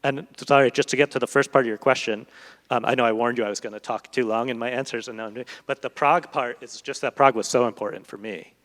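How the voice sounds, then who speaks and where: A man appears as a literary translator and guest in an on-stage conversation at a public event in a large hall, thoughtful and digressive and often searching for words. His medium-pitched voice is fairly bright and fairly even, at a quick pace, in a reverberant room.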